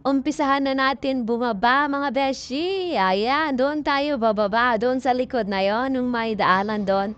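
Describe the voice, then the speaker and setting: A woman's voice: sits high, unhurried, few pauses, highs cut off. A woman chatting playfully to her viewers while hiking on a mountain peak, filming with a handheld phone. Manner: bubbly, playful, addresses viewers as friends. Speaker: vlogger.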